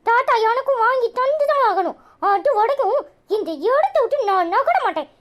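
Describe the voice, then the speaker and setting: A woman performs cartoon voice acting as a stubborn, feisty village girl with a Kanyakumari Tamil accent, arguing indignantly with sarcastic, sharp retorts. Her pitch is extremely high and expressive at a moderate pace, the highs are cut off, and there's slight background noise.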